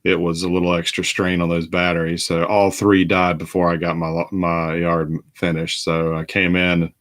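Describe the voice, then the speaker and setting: A tired man chats casually as host of a live card break. His voice sits very low. He talks in a rambling, halting way, with plenty of fillers and restarts. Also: a bit bright. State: tired, yawning. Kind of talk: casual live-stream chat.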